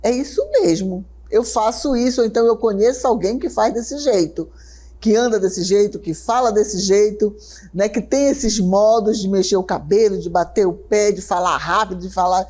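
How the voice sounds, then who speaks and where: A woman teacher with a Brazilian Portuguese accent, giving a televised lesson, talking quickly and checking in often with her students. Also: mid-range voice, a little mellow. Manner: talks fast, checks in often with "certo?" and "né?"; slows right down to guide a breathing exercise.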